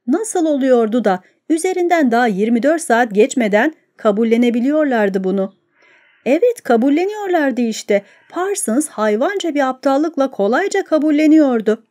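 A woman narrating an audiobook with a mellow, somewhat high voice. Her telling is measured and even, steady through long passages. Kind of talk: scripted narration.

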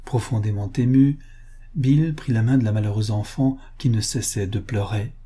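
A man narrating a pulp western novel aloud with dramatic, measured storytelling. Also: on the low side, mellow, husky. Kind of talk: audiobook reading of a pulp novel.

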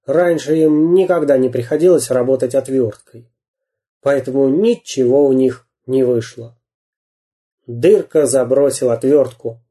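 Slow storybook reader, husky, very dark mellow tone. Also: mid-range voice. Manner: slow, dramatic story reading. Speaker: narrator. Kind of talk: storybook reading.

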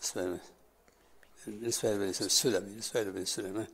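A man's voice: on the low side, steady tone, racing, gravelly, slightly rough. A man teaching a lesson, breaking in with terse questions and short interjections to correct a reader.

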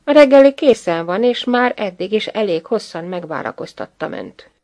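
A woman's voice: mid-range voice, animated, a little mellow, close to an everyday voice. A woman reading the lines of a proud, wry aging woman in an audiobook, with dry remarks.

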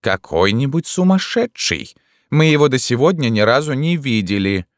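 A man's voice: mid-range voice, big pitch swings, moderate pace, a bit bright, no echo, studio quality, pitched above the performer's own voice. A man putting on a cold gray-haired old lady. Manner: curt and dismissive. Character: small gray-haired older woman companion, cold, sharp-eyed.

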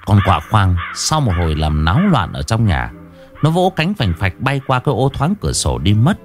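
A man narrating a ghost story in a dramatic, expressive reading. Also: on the low side, moderate pace, faint music behind.

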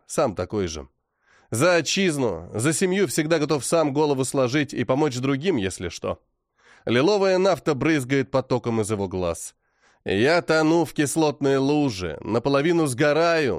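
A man narrating a first-person fantasy audiobook in a dramatic, expressive way. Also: medium pitch, no room sound, studio quality.

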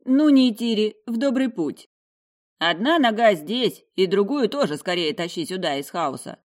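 A woman's voice: mid-range voice, animated, moderate pace, pitched above the performer's own voice, lightly acted. A woman voicing a vain mermaid who drawls her words in a sing-song.

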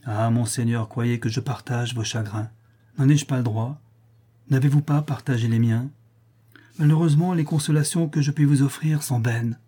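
A man's voice: medium pitch, fairly even intonation, normal speed, dark tone, husky, natural voice. A man voicing a tender, devout noblewoman in an audiobook reading, speaking with earnest admiration. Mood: compassionate.

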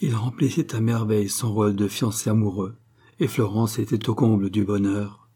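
A man narrating a novel as an audiobook, reading in a measured, even way. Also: lowish voice, husky.

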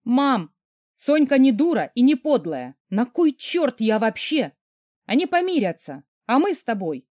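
A shrill young woman in a storybook, yelling and exasperated, her voice leaping high and swinging wildly, as a woman reader puts her on. Dry, close sound with no room around it. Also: big pitch swings, measured pace, no echo. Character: hysterical young woman, narrator's little sister.

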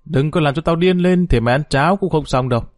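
A man's voice: a little high, quick pace, darkish tone, no echo, clean studio sound, pitched above the performer's own voice, close to an everyday voice. A man voicing a down-and-out ex-convict who threatens his family in a growling, bitter way in a dramatized story reading. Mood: menacing.

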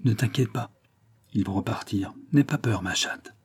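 A man voicing a fierce, defiant middle-aged woman artist in an audiobook, raising his voice high and insistent. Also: normal speed, slightly rough. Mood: coaxing.

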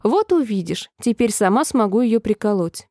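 A woman's voice: medium pitch, normal speed, dry recording, clean studio sound, natural voice. A woman reading a storybook, voicing a fretful, whimpering old queen who breaks into squealing cries. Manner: wailing, squealing cries, then oddly calm.

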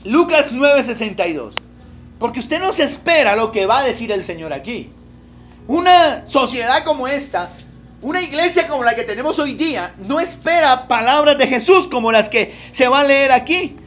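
A male pastor preaching a sermon to his congregation, swinging between quiet asides and loud, emphatic pleas full of rhetorical questions. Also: very high-pitched, expressive, normal speed. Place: church service with a congregation.

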